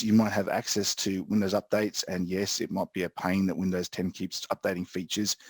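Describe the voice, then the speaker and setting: A man's voice: on the low side, a little mellow, no room sound. A man with an Australian accent giving an informal tech explainer as co-host, plain-spoken and emphatic in colloquial language. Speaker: co-host and IT specialist.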